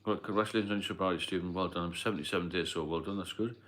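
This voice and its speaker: A man's voice: deep voice, steady tone, rapid-fire, fairly bright tone. A man hosting a casual livestream, plain-spoken and rambling, answering viewer comments as he goes. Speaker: livestream host. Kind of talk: casual live-stream chat.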